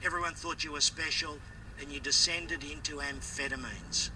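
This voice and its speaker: Direct Australian male interviewer, slightly high-pitched. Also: fairly even intonation, normal speed. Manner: direct, pointed. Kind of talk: interview questioning. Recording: distant mic, clear background noise, vehicle rumble.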